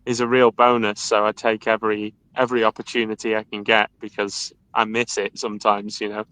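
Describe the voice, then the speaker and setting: A man's voice: fairly low pitch, monotone, brisk, pushed and bright, clear, resonant tone, no echo, rough recording. A man in his thirties with a Manchester accent, a guest musician chatting casually and laughing often over a video call. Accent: Mancunian. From England. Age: 30s. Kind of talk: casual chat.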